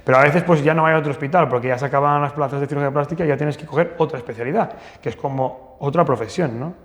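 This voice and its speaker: Racing along in a fairly high pitch, a plastic surgeon from northern Portugal shares interview anecdotes while hesitating, restarting, and using lots of fillers. The recording has long hall reverb.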